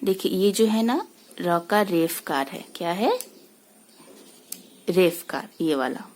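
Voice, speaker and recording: A woman teacher, slowly talking young children through a school exercise and asking them easy questions along the way. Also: lowish voice, expressive, darkish tone, slight background noise. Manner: slow, patient explaining with many rhetorical questions. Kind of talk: recorded lesson for young children.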